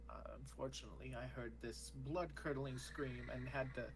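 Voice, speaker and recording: A man's voice: mid-range voice, fairly even intonation, normal speed, noisy background, natural voice. A man playing a deferential armored holy warrior in a tabletop role-play, formal, courtly and hesitant.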